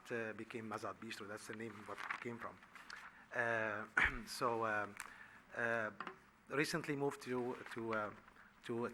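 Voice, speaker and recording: A man from Lebanon, a restaurant owner, gives public comment at a city meeting, halting and full of fillers and restarts. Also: mid-range voice, sharp tone, slight background noise. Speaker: restaurant owner applying for a license. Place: council chamber.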